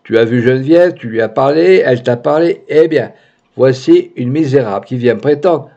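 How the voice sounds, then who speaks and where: A man's voice: medium pitch, moderate pace, gravelly, lo-fi sound, natural voice. A man playing a furious young lover. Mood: outraged. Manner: agitated, loud, outraged.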